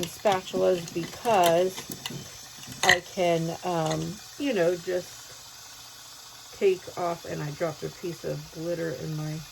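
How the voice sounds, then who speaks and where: A woman's voice: on the low side, gravelly, very noisy. A woman hosting a casual craft tutorial, her voice muffled by a mask, rambling and rephrasing herself as she explains. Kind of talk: casual hands-on tutorial chat. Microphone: speaking through a protective mask.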